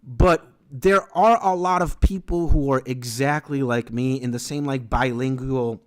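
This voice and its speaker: A Venezuelan man whose first language is Spanish chats casually on a live stream about music, reading viewers' chat comments aloud. His voice sits at a medium pitch and moves at a measured pace, and his manner is lively and rambling.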